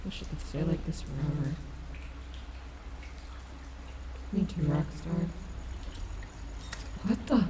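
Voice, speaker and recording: A woman's voice: low-pitched, a little slow, noisy background. A woman voicing a confident, playful animatronic wolf, cocky and teasing yet tender, in an audio roleplay. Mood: awed. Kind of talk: ASMR audio roleplay, companionable acting.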